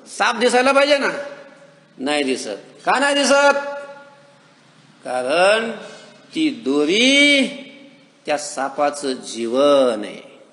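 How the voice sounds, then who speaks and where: A man with a Marathi accent delivers a devotional sermon in a fairly high voice. He keeps questioning his listeners and answering himself, stretching out the verses he quotes. His voice rings through a large hall with a long, roomy echo. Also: a bit bright. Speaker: kirtan preacher.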